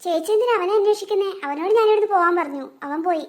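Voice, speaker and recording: A woman voicing an excitable little boy in a cartoon, pleading and emotional. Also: very high voice, very fast. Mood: defensive. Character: excitable little boy, protective younger brother. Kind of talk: cartoon voice acting.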